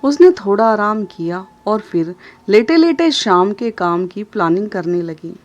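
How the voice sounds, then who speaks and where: Woman storyteller, calm scripted narration, middle pitch. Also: unhurried, muffled recording.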